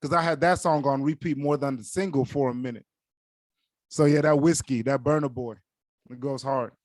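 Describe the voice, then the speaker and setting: A young man whose first language is Yoruba co-hosts a podcast, earnest and casual, with "like" as a frequent filler. His mid-range voice is steady and a little mellow at normal speed, recorded in studio quality with no echo.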